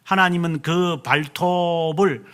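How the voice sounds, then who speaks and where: A middle-aged male pastor preaching a sermon, stressing key words slowly and answering himself with "yes". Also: a little high, fairly even intonation, fairly bright tone.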